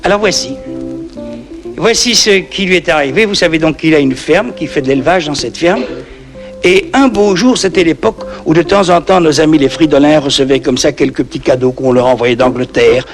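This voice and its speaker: A male storyteller sets up his comic tale and talks straight to the audience in a chatty way. His voice is fairly high, and music plays clearly behind him. It is a 1960s cabaret recording. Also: a little fast. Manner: chatty, addresses audience directly.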